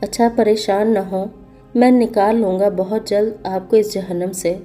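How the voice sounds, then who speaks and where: A gentle young lawyer speaks kindly and reassuringly, as a woman narrator reads his lines. The voice is dark and mellow. Soft music sits in the background. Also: mid-range voice, steady tone, lightly acted. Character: kind gentle young male lawyer neighbor.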